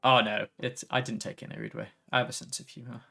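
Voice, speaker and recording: Tired, gravelly man streaming. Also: medium pitch, fast. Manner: relaxed, tired, easily sidetracked, reads chat aloud. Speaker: tech streamer. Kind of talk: casual live stream chat.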